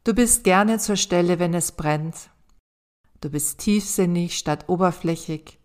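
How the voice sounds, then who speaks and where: Slow, calm woman giving gentle advice. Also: fairly low pitch. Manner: calm, addresses the listener directly as "du"; gentle and encouraging, gives step-by-step exercises. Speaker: self-help podcast host. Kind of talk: scripted advice monologue.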